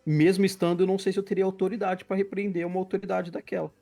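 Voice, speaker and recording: A man's voice: sits high, little pitch movement, quick pace, vocal fry, dark tone, soft background music. A man, a podcast guest, earnestly telling a spiritual testimony and acting out the dialogue. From Brazil. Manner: earnest, vivid, acts out dialogue. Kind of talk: personal testimony storytelling.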